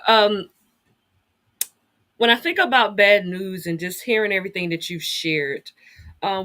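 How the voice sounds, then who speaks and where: A woman hosting a conversational interview, asking measured questions and affirming her guest. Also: fairly low pitch, a bit bright. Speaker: interview host.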